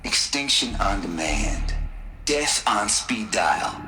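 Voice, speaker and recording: Sardonic game character, slow and swoopy, music under him. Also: male voice, lowish voice, sing-song. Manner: sardonic, dramatic pauses. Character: wry man explaining an extinction system. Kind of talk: game voice acting.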